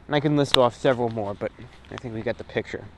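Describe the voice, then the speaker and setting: Out on a walk, a radio and online show host talks quickly in a mid-range voice, rambling reflectively and casually in short bursts. Clear ambient noise runs beneath his voice.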